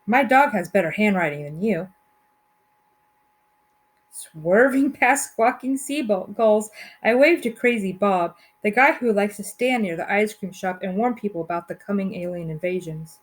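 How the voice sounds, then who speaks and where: Woman teacher reading a chapter book aloud. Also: medium pitch. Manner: friendly, unhurried, with small laughs.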